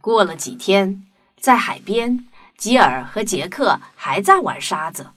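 A woman expressively narrates a scripted children's story. Her voice is mid-range and her pace measured.

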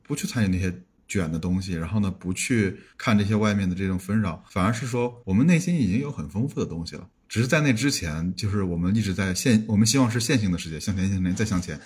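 Fast-talking husky man, low-pitched. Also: darkish tone. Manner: fast, reflective, with frequent restarts. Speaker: podcast guest. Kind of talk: casual conversation.

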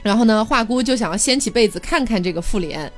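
A woman with a slightly high voice hosts a podcast, quickly and casually retelling a classic tale. She livens it up by voicing the characters' lines and laughing, with background music playing.

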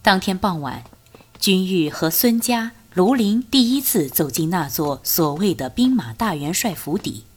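A woman narrating a novel as an audiobook, reading in a lively, expressive storytelling way. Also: on the low side, measured pace, slightly rough.

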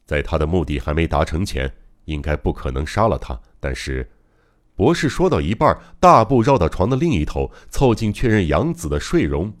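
A man's voice: low voice, very animated, moderate pace. A man narrating a mystery novel as an audiobook, in a dramatic, suspenseful reading. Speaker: audiobook reader.

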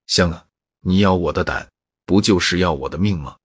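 A man's voice: deep voice, normal speed, slightly rough, no echo. A man telling a story and voicing a giant, grateful talking snake in his own plain voice. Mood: grieving. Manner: plain storyteller's voice with little change.

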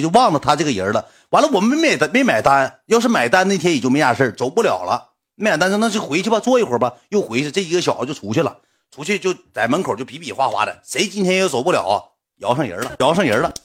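A man's voice: medium pitch, quick pace, husky. A young man with a Northeastern Chinese accent telling a story in casual spoken style, acting out the people in it. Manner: animated, acts out voices of people in the story.

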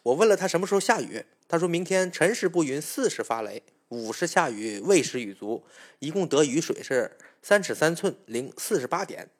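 A man's voice: fairly high pitch, sing-song, normal speed, slightly rough, voice pushed up. A man voicing a boastful, hot-tempered male dragon king in a spoken storytelling piece, blustering and threatening. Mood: gloating.

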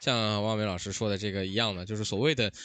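A man's voice: fairly low pitch, steady tone, fast, fairly bright tone, no echo. A man co-hosting a casual podcast, talking in a hesitant, rambling way with many fillers. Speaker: podcast co-host.

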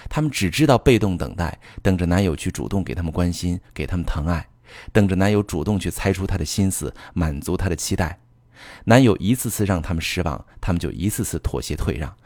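A low-voiced man hosts an advice monologue about relationships, earnestly explaining and telling listeners what to do. He addresses them directly, his pitch moving a great deal, and his tone is somewhat dark. The recording is close and dry, with no echo.

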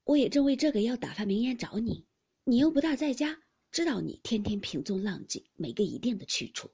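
Storybook role: soft-hearted sheltered young lord, earnest, gravelly tone, as a female narrator puts him on. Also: on the high side, big pitch swings, brisk, full character voice. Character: tender-hearted young nobleman, emotional and sheltered.

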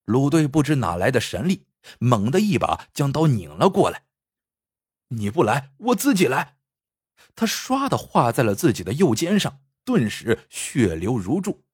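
Husky guy telling a story, really expressive, dry close mic. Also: mid-range voice, moderate pace, no room sound. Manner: expressive, acts out the scenes. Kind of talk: dramatic story narration.

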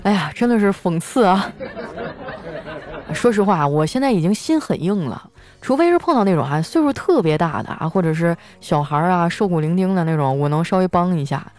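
A woman's voice: fairly low pitch, lively intonation, a little fast, darkish tone, soft background music. A woman host, chatty and teasing, reading funny listener stories and laughing along as she tells them. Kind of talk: comic storytelling.

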